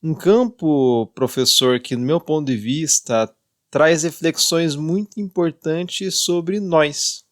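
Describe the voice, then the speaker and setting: A man from Brazil hosting a podcast, reading a scripted introduction and asking questions in a measured, formal way. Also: a little high, dry recording, clean studio sound. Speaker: podcast host.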